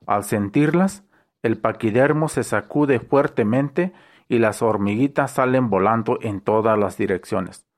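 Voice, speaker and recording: A man reading short jokes aloud as an unhurried storyteller who briefly voices the punchlines. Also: medium pitch. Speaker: joke reader.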